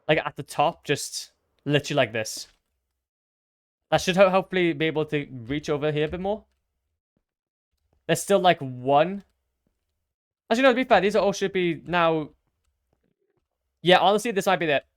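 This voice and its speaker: Young man, live streamer, casual building commentary, self-mocking, smooth clear voice, a bit higher than most men. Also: no room sound, studio quality. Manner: chatty, self-mocking, hums little sound effects.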